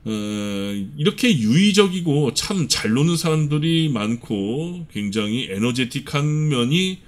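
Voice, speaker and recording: A man's voice: mid-range voice, very animated. Earnest man giving political commentary. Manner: measured, earnest, frequent hesitant fillers. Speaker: channel host and life counselor. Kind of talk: opinionated political commentary monologue.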